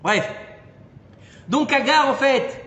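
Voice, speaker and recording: A man giving an informal Torah lesson to a small group, animated and peppering his listeners with questions. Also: very high voice, slow pace. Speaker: Torah teacher. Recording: echoey room with long reverb and faint noise.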